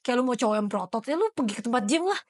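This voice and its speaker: A young woman, hosting a casual chat podcast and talking in lively slang mixed with English words. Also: on the high side, rapid-fire. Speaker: podcast host.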